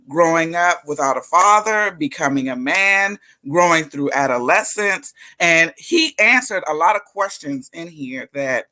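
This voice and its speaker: A woman hosting a live interview show, talking in an emphatic, lively way with churchy turns of phrase. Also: low-pitched. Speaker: host.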